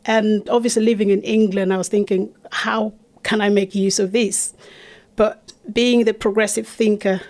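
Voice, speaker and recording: A woman's voice: mid-range voice, flat delivery, normal speed, darkish tone. A middle-aged woman from Uganda, a guest in an interview, talking earnestly about teaching and her charity with frequent restarts. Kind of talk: conversational interview.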